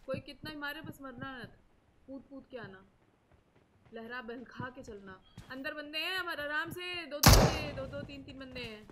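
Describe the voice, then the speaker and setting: A woman with a high, bright voice runs a live game voice chat and barks quick commands at her squad. Loud gunfire pounds under her words throughout. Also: heavy background noise. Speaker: game streamer.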